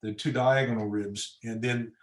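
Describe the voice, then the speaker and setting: A man's voice: medium pitch, steady tone, normal speed, roomy sound. A man giving an informal slide lecture on church architecture in a church setting, pointing at pictures and adding personal asides.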